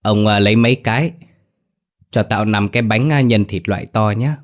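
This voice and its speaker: A man voicing a feisty old village man in an audiobook story. He talks in a gruff, cursing drawl. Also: fairly low pitch, normal speed, close to an everyday voice.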